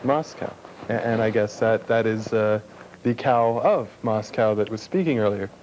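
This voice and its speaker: A man's voice: lowish voice, a little mellow, lo-fi sound, a little hiss or hum, natural voice. Stammering pompous talk show host played by a man. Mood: bossy. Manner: stammering, halting, bossy.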